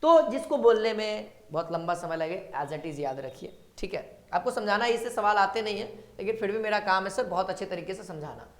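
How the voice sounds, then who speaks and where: A woman's voice: mid-range voice, animated, fairly quick, few pauses. A woman teaching a grammar lesson for exam prep, often repeating her points and calling viewers sir and brother. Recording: echoey room.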